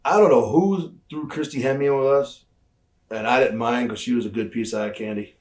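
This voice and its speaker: A man's voice: medium pitch, a little fast, darkish tone. A man, a former pro wrestler, telling an offhand backstage story as an interview guest. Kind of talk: casual anecdote in an interview.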